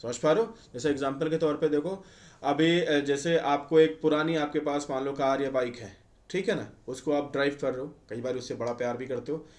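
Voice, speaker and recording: A man's voice: on the high side, a little fast, darkish tone. A male chemistry teacher giving a conversational exam-prep lecture, often asking students rhetorical questions. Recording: echoey room.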